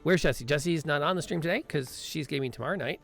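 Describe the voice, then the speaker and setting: Fast and fairly bright in tone, a man with a fairly high voice hosts a podcast and live stream, chatting casually and upbeat. He rambles with plenty of fillers and restarts while faint music plays behind him.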